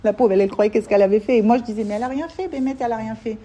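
Racing along in a voice on the high side, a woman teaches a group of women an informal religious class. She is animated, repeating words and performing short dialogues to illustrate her points.

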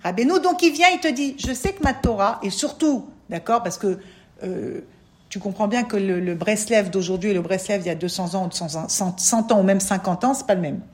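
A woman's voice: mid-range voice, fairly quick. A woman explaining religious teaching to a listener in an emphatic, coaxing way, often calling for attention. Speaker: spiritual advisor.

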